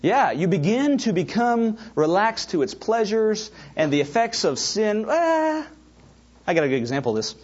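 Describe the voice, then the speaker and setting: A middle-aged pastor preaches a sermon in a high-pitched voice at a moderate pace, animatedly telling personal stories and tossing asides to the congregation. The recording has its highs cut off.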